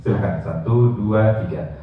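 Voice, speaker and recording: An Indonesian Quran recitation teacher gives a tajwid lesson in a mosque hall, slowly drawing out chanted verses between quick, lightly joking explanations. His voice is fairly low, and the recording is very noisy, echoey, distant and phone-like.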